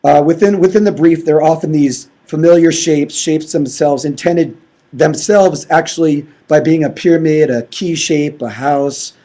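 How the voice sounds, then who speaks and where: Male presenter, tired strained voice, mellow tone, slightly high, design talk. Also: normal speed. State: short of voice, clearing throat. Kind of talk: conference presentation.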